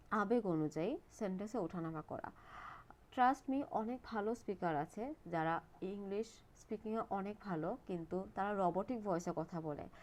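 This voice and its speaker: A young woman with a Bangladeshi accent teaches a video lesson. She explains each point clearly at a mid pitch and lets her voice rise and fall freely. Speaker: IELTS teacher.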